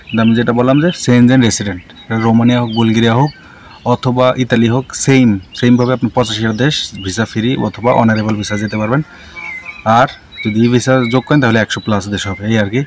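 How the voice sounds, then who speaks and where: A man's voice: medium pitch, steady tone, fast talker, slight background noise. A man giving casual visa information, rambling and self-correcting as he reels off long lists of country names. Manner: hesitant and self-correcting, with many fillers. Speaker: travel and visa info vlogger.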